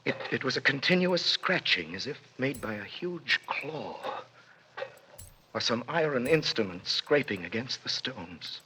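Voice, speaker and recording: In the style of classic radio drama, a mid-range male voice with big pitch swings and a slightly slow delivery plays an anguished prisoner. He recounts his years in a dungeon in grave, intense, despairing first-person narration, heard through a noisy old radio recording.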